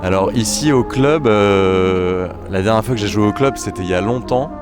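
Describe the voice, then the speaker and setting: A young man with a very low voice talks about his music in a relaxed interview, stopping often for fillers and restarts. Soft music plays faintly underneath. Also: normal speed. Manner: hesitant, many fillers. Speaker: trombonist and bandleader. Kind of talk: casual interview.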